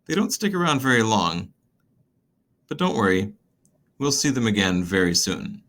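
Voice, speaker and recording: Wry, bright-toned man narrating. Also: on the low side, sing-song, normal speed. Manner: wry, conversational. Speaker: narrator summarizing a play. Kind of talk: casual summary narration.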